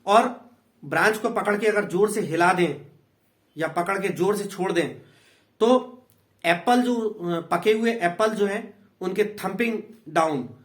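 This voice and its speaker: A man's voice: sits high, unhurried, fairly bright tone. A man with an Indian accent, an English tutor patiently explaining a play in a class lesson. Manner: patient, repeats and explains in two languages.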